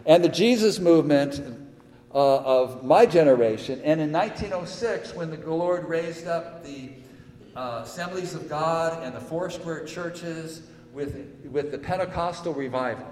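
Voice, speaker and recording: Slow older male preacher in echoey hall. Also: on the high side, a little mellow. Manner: rambling, halting with many fillers, rising to emphatic peaks. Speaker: pastor. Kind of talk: sermon. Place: church hall. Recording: echoey hall with long reverb.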